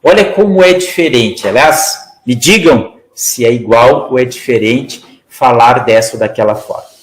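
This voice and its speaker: A man's voice: mid-range voice, moderate pace, reverberant, low-quality recording. A man giving a spiritist study talk as lecturer. He explains in a teaching way, often adds "né?", and acts out example phrases. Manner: didactic, acts out example phrases, many "né?" tags.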